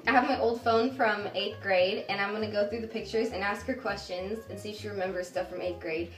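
A woman's voice: mid-range voice, fairly even intonation, fairly quick. A young woman in her late teens chatting casually as the host of a challenge video. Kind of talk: casual chat. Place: small room at home, indoors. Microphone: camera a few feet away. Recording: echoey room, distant mic, faint music.

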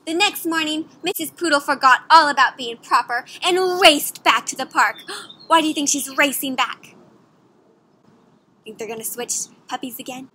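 A young woman reading a picture book aloud to children outdoors, pausing to ask them questions in a teacherly way. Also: high voice, slight background noise. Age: young adult. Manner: animated teacherly questioning, addressing children as friends. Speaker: children's story reader. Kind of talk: interactive picture-book read-aloud for kids. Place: outdoors in a garden or yard.

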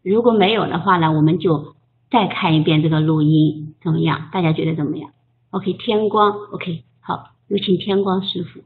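A woman teaching English pronunciation in an online group lesson, patiently coaching and modeling sounds slowly. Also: on the low side. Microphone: voice chat. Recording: tinny phone-like line.

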